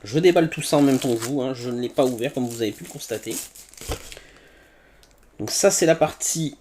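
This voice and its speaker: A man's voice: mid-range voice, fairly quick, a little mellow, a little hiss or hum. A man casually talking through an unboxing, thinking aloud with fillers and playful sound words. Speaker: tech reviewer.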